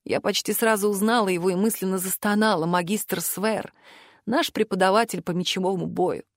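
A woman reading a first-person novel aloud in expressive narration. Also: medium pitch, moderate pace, dry recording, clean studio sound. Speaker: audiobook narrator. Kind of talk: scripted narration.

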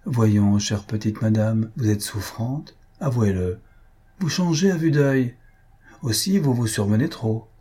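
A man's voice: fairly low pitch, a little slow, dark tone, breathy edge. A man voicing a teasing gallant marquis.

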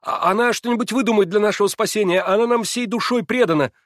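A man's voice: high-pitched, fast talker, dry recording, clean studio sound, voice pushed up. A man reading a novel aloud, voicing an eager, impulsive young man in love who gushes and pleads. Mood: rapturous. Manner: breathless, gushing, pleading. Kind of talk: audiobook character voice.

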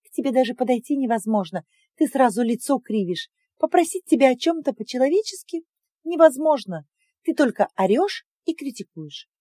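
Audiobook figure: woman reading a sharp-tongued young maid, high and quick, lively pitch, dry close sound. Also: no echo. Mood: defiant. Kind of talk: audiobook character voice.

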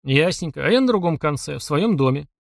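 A man's voice: fairly high pitch, expressive, a little fast, creaky, no echo, clean studio sound. Man doing a sly joking night driver. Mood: probing. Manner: chatty, teasing, probing.

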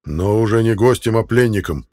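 A commanding fairy king, read by a man, speaks in a measured, authoritative tone. His voice sits low, and he sounds stern but controlled. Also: expressive, warm tone, natural voice. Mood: calm. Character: stern male fairy ruler, calm and commanding.

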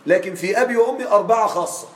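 A man teaching Arabic grammar to a class. He often checks that his students follow along and draws out the example forms slowly. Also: high-pitched, roomy sound, rough recording. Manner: checks on students with frequent questions; drawn-out slow spelling of example forms.

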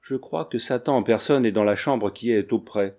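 A man reading the part of a frightened male servant who speaks in a halting, deferential, fearful way. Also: fairly low pitch, darkish tone, lightly acted.

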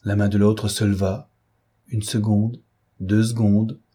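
A male narrator reads a novel aloud in a measured, dramatic delivery. His voice is low and dark, with a husky grain to it. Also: little pitch movement. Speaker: audiobook narrator. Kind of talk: scripted audiobook narration.

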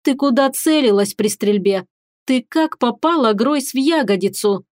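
A woman voicing a cruel, sneering female drill instructor in an audiobook, spitting out insults slowly and with contempt. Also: on the high side, lively intonation, a little mellow, no room sound, clean studio sound, lightly acted. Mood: contemptuous. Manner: slow, spat-out insults, contemptuous. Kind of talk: audiobook character voice.

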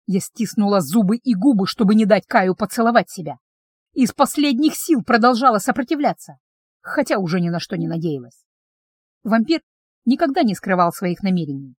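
A woman's voice: medium pitch, expressive, normal speed, a little mellow, husky, no echo. A woman narrating a novel in the first person as an audiobook reader, in an intimate, tense storytelling manner, close to the microphone.

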